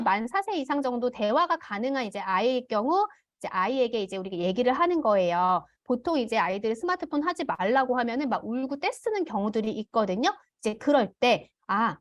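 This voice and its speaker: A woman teaching an online parenting class, calmly explaining and acting out what parents can say to children. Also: fairly high pitch, no echo, clean studio sound. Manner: demonstrates parent phrases aloud. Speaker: parenting educator. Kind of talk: online parent education lecture.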